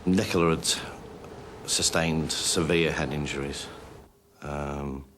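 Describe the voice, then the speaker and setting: A man speaking as a paramedic in a documentary interview, calm and matter-of-fact. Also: rumbling low, slow pace, slight background noise.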